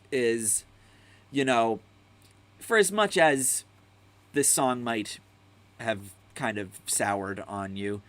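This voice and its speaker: A young man hosting a casual music tier-list chat, rambling and enthusiastic, full of fillers, swearing now and then. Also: on the low side. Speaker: host.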